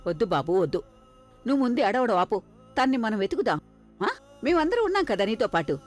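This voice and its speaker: A woman's voice: a little high, sing-song, fast, soft background music. A woman dubbing a tender older grandmother in a TV serial, coaxing and comforting. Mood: soothing. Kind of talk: dubbed TV serial drama.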